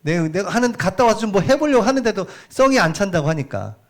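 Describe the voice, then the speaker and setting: A middle-aged man preaching a sermon in a church, chatty and animated, asking the congregation questions as he goes. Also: high voice, fast talker. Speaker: pastor. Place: church sanctuary.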